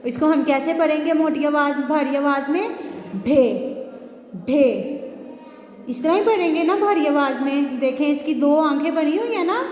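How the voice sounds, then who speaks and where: High-voiced woman teaching a kindergarten class. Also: a little mellow. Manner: slow, drawn-out spelling of letters, mixing in English. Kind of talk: recorded classroom lesson. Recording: echoey room with long reverb.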